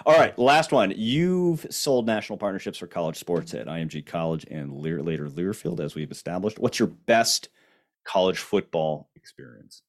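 Male host with a lowish voice, playful interviewer who restarts his sentences a lot. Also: very animated, moderate pace. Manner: playful, with frequent restarts and fillers. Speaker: podcast host. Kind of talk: conversational interview.

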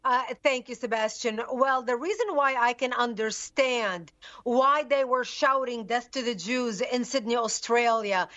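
A woman's voice: fairly high pitch, a little slow, fairly bright tone, highs cut off. A woman from Lebanon, a guest in an interview, telling her story earnestly and with emphasis.

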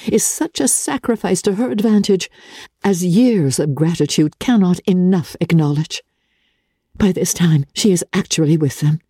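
A woman reads a classic novel dramatically, voicing a spirited, earnest young gentlewoman in emphatic, formal period speech. Her voice is fairly low and slightly rough, pushed up, captured in clean studio sound with no echo.

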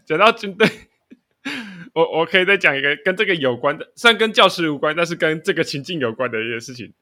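A man's voice: on the high side, expressive, fast talker, sharp tone. A man with a Taiwanese Mandarin accent, co-hosting a casual chat show and telling stories with frequent laughter. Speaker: podcast co-host.

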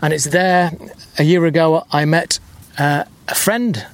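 Storyteller musing on a country walk. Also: male voice, on the high side, measured pace. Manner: musing, hesitant with many fillers. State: a little out of breath. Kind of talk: outdoor walking narration. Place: outdoors on a countryside hill.

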